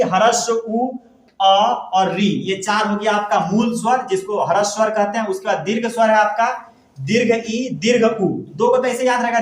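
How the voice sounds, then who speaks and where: A man from Bihar, India, teaching a classroom grammar lesson, often asking a question and then answering it himself. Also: high-pitched. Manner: repetitive, asks questions and answers them himself. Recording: echoey room.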